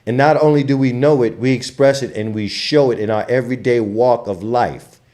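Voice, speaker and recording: A man's voice: medium pitch, moderate pace. A man from Trinidad and Tobago, giving an impassioned, emphatic commentary as a channel host. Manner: impassioned, emphatic, grows louder when fired up. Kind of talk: opinionated commentary monologue.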